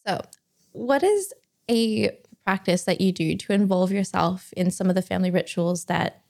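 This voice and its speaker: A woman hosting a relaxed podcast interview. She has a middling voice and asks her questions plainly. She laughs easily and murmurs along to encourage her guest. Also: mid-range voice, a little slow, vocal fry. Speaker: podcast host.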